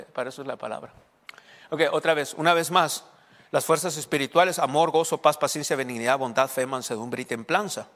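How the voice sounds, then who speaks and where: A pastor teaching a sermon to his congregation, halting and repeating words, often checking whether they follow. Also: a little high, a bit bright. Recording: long hall reverb.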